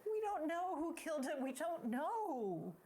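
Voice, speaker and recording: A woman's voice: high-pitched, big pitch swings, measured pace, warm tone, heavily acted. A woman playing an anxious, law-abiding sheriff's wife haunted by loss in a stage play. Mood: agitated, horrified. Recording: noisy amateur recording.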